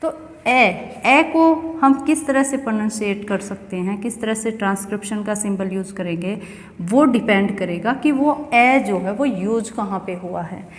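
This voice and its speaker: A woman's voice: mid-range voice, normal speed. A woman from India teaching an English pronunciation lesson, explaining step by step and often asking the student questions. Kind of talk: classroom lesson. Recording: echoey room with long reverb.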